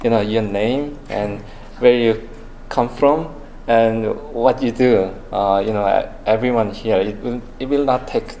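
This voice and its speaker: A man's voice: on the low side, a little slow, hardly any pauses, warm tone, a little hiss or hum, low-quality recording. A man opening a conference talk, hesitant, with many fillers. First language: Korean. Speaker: conference speaker. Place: conference room.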